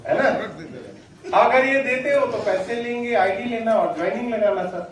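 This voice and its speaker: A man leading a motivational sales training on stage, energetic and drilling his audience to answer loudly. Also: extremely high pitch, normal speed, slight background noise. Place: hall with a stage. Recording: very echoey hall, voice from far off.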